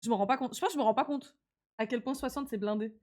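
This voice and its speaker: A woman's voice: on the high side, fast talker, darkish tone. A young woman with a slight lisp and slushy s sounds, chatting casually and animatedly in slang as she livestreams. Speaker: live streamer.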